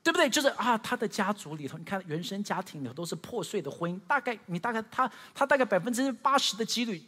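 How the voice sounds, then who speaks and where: A man's voice: sits high, animated, quick pace, pushed and bright. A man preaching a sermon as pastor, talking animatedly and putting questions to the congregation. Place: church hall. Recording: echoey hall with long reverb.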